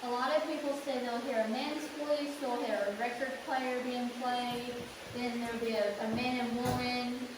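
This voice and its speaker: A woman's voice: a little high, level tone, moderate pace. Southern woman guiding in a very echoey cave. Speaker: tour guide. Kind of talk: informal guided storytelling. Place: inside a cave. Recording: echoey cave, distant mic, faint noise.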